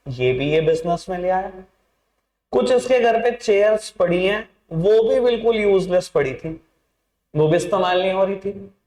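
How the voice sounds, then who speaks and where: A man's voice: sits high, darkish tone, echoey room, rough recording. A man teaching an accounts class in a classroom, coaxing his students along and mixing into his talk. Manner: coaxing, addresses students as beta and babu. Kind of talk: classroom lecture.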